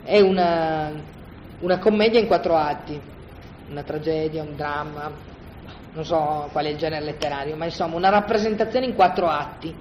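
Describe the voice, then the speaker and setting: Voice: mid-range voice, moderate pace, a little hiss or hum. A Bible study teacher giving an informal, colloquial lecture on scripture to a group, often checking in with "no?". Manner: conversational, keeps asking "no?" to check in with listeners; colloquial, animated explaining with restarts. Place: room with a group of listeners. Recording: roomy, dull lo-fi recording with faint ambience.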